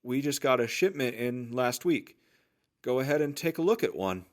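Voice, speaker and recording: A voice actor plays a chatty, obliging general-store trader in a post-apocalyptic audio drama, brimming with eager sales patter. His voice is medium-pitched and natural, animated, at a moderate pace.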